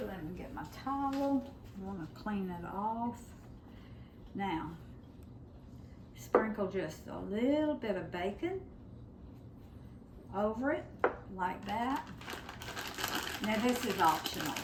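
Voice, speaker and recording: An older woman, hosting a home cooking show and talking homey and unhurried to her viewers. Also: medium pitch, sing-song, reverberant, very noisy. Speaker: cooking channel host. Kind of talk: casual cooking demonstration. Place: home kitchen. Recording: kitchen with clattering dishes.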